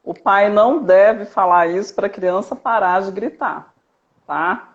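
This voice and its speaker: Calm woman explaining with steady pitch. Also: measured pace. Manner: calm, didactic, checks in with "tá?". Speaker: family coach and educator. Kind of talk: explaining in a live video chat. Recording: dull lo-fi live stream audio.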